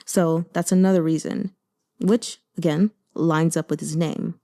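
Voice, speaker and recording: A woman hosts a book discussion, chatty and informal, full of slangy, opinionated, emphatic commentary. Her voice sits low and stays steady, with a measured pace and a warm tone.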